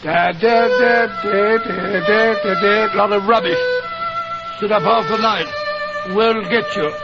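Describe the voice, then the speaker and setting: An actor playing a blustery, loyal British gentleman doctor, bluff and plain-spoken, in 1940s radio style. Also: sits high, fairly even intonation, slow pace, loud music behind the voice. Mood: grumpy. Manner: bluff, grumbling. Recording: muffled 1940s radio recording.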